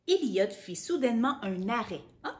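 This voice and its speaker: A woman reading a picture book to children, playful and animated, adding sound effects and asides. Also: a little high, moderate pace. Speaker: children's storyteller.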